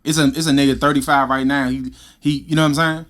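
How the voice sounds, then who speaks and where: A man's voice: mid-range voice, flat delivery, fast talker, fairly bright tone. A man, a podcast co-host chatting casually with slang and frequent affirmations.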